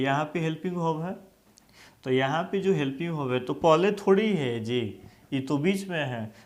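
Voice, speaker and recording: A male English grammar teacher with a Hindi accent, giving a classroom-style lesson and repeatedly asking questions so students answer aloud. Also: a little high.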